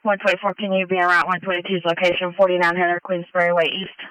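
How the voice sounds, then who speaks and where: A woman's voice: on the low side, level tone, fast talker, a bit bright, dry recording, lo-fi sound. A woman dispatching units over police radio with clipped procedural calls.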